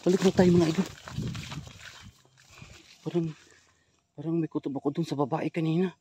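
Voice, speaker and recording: A man's voice: fairly high pitch, steady tone, normal speed, mellow, husky. A man filming a ghost-hunting vlog in a forest outdoors, speaking straight to his viewers in a suspenseful, wary way. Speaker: ghost hunter vlogger.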